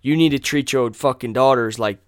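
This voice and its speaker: Brief: blunt man ranting, clear dry voice. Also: medium pitch, fairly quick, no room sound. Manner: heated, blunt, swears constantly; repeats phrases for emphasis. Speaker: vlogger. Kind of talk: profane casual rant.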